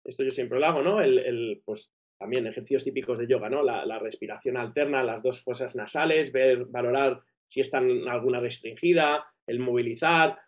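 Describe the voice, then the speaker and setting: A man's voice: medium pitch, moderate pace, hardly any pauses. A man with a broken, operated nose and a nasal dilator, explaining things enthusiastically as an interview guest, often checking in with tag questions. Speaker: guest breathing coach.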